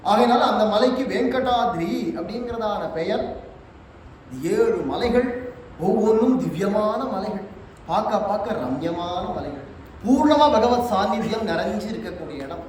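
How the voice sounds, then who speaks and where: A man giving a devotional religious discourse, telling stories and chanting verses in a drawn-out sing-song. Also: sits high, animated, a little mellow. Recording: echoey hall, distant mic, faint noise.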